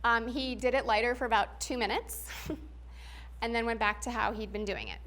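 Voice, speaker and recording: A woman's voice: a little high, animated, normal speed, fairly bright tone. A young adult woman giving a candid talk, frank and chatty, full of "like" and "um" fillers, laughing often.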